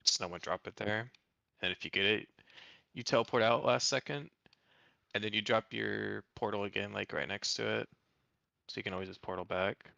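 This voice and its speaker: A man's voice: on the low side, steady tone, moderate pace, gravelly, bright, forceful tone, no room sound. A man in casual gaming voice chat who swears offhandedly, his headset mic muffled so he sounds like he is on speakerphone. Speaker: raid team player.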